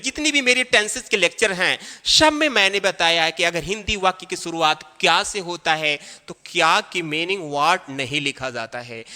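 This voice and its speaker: Male teacher, animated and bright, walking through grammar step by step. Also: high-pitched. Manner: explains step by step, repeating key phrases slowly. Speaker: English teacher. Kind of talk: classroom grammar lesson. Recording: long hall reverb.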